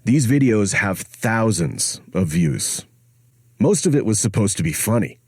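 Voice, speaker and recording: A man hosting and narrating a documentary podcast in a grave, measured tone, recorded on a studio mic. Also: lowish voice, big pitch swings, darkish tone, slightly rough, dry recording.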